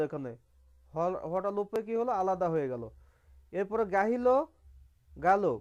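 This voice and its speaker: A man's voice: high-pitched, darkish tone, lo-fi sound. A man teaching grammar over slides, explaining step by step and repeating key terms, asking questions and answering them himself. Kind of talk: online slide lesson.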